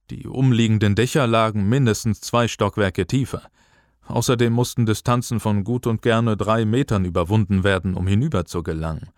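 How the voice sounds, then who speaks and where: A man narrating an audiobook in a measured, calm storytelling voice. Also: on the low side, dry recording, studio quality. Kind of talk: scripted narration.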